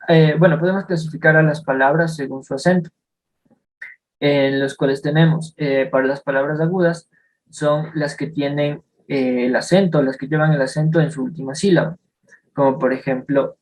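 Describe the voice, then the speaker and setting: A man's voice: on the high side, steady tone, moderate pace, rough recording. A young male student giving a class presentation, hesitant with many fillers as he reads out examples.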